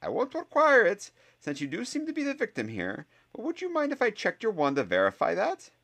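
A man's voice: high-pitched, huge pitch swings, fairly quick, vocal fry, a bit bright, voice pushed up, exaggerated voice. A man voicing a stern, dumpy older woman professor who speaks in an icy, clipped, skeptical way.

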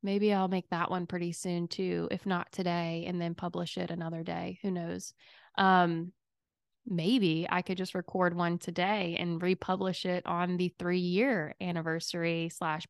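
A young adult woman hosting her own podcast, talking casually and emotionally with a slightly raspy voice, rambling with many fillers. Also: fairly even intonation, normal speed, dry recording, studio quality. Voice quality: raspy, low. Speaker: podcast host. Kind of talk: reflective solo podcast chat. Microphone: studio microphone.

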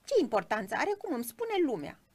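A woman voicing a tiny proud male cricket fiddler with a squeaky, slightly hoarse voice in a storybook reading. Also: very animated, darkish tone, full character voice. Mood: declaiming. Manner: indignant, declaiming.

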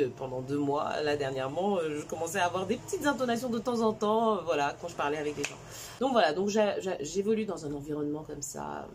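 Woman, forties, from Cameroon, low voice, casual storytelling, fillers and restarts, faint background hum. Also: darkish tone. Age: 40s. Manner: conversational, many fillers and restarts. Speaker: vlogger.

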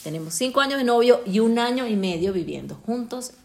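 A woman in her forties with a Mexican accent, a mother co-hosting a casual family podcast, talking in an animated, expressive way. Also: a little high, brisk, creaky. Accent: Mexican Spanish.

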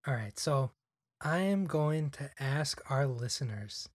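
Speaking slowly with lively intonation, this young adult podcast guest rambles through a casual chat full of "like" fillers. His pitch is medium, and the clean studio recording carries no room sound.

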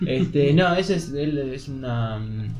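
A man's voice: mid-range voice, lively intonation, takes it slowly, darkish tone, soft background music. A man with an Argentine accent, a podcast co-host, chatting casually and explaining a video game while hunting for words with lots of fillers. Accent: Argentine Spanish. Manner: rambling, searching for words with many fillers. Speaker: podcast co-host recommending games. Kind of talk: casual chat.

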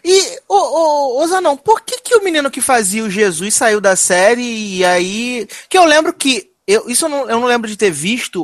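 A man's voice: sits high, fairly bright tone, no room sound, studio quality. A Brazilian man hosting a casual chat about TV series in a campy, gossipy way with dramatic slangy exclamations. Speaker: podcast host.

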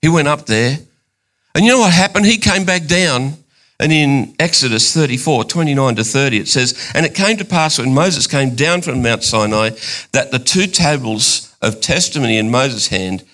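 An older man preaching a sermon, excitable, climbing to high emphatic bursts and then dropping low and intimate. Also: moderate pace.

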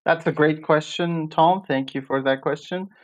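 A man's voice: on the high side, steady tone. Young man, interview guest, hesitant and filler-heavy, muffled lo-fi audio. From Iraq, raised in Jordan. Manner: halting, many fillers and restarts. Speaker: guest, medical graduate. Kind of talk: interview answers. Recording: dull lo-fi sound.

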